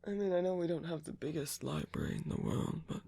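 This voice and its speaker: In a romantic ASMR roleplay, a performer of unclear sex voices a weary, tender villain lover, speaking softly, breathily and often in a whisper. The medium-pitched delivery is quick, hesitant and gently wry, with a flirty yet resigned mood.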